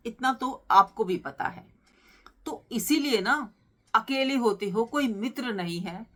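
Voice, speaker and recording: A woman's voice: fairly high pitch, bright, forceful tone. A middle-aged woman hosting a motivational channel, coaxing her listeners with rhetorical questions and direct address. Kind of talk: motivational talk to camera.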